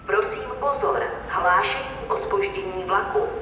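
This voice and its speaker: A woman's voice: fairly high pitch, very animated, far from the mic, music in the background. Echoing woman's station announcement. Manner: formal, measured, segmented phrasing. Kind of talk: scripted public address announcement. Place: large station, over public address. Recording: muffled, echoing station loudspeaker from afar.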